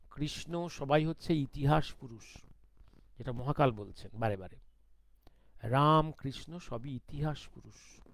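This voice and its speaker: A man giving a commentary monologue, talking slowly because of a sore throat, firing off pointed rhetorical questions. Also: mid-range voice, gravelly. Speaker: political commentator.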